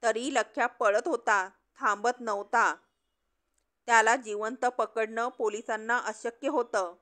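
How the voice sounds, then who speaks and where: Slow, dramatic woman storyteller. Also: fairly high pitch, fairly even intonation, a bit bright. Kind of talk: scripted story narration.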